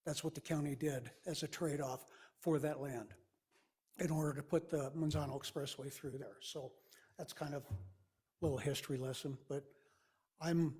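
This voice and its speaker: Senior male property owner at a hearing, fairly high voice, explaining his position to commissioners. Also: fairly even intonation, normal speed, darkish tone, breathy edge. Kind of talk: public comment at a hearing. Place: county meeting room.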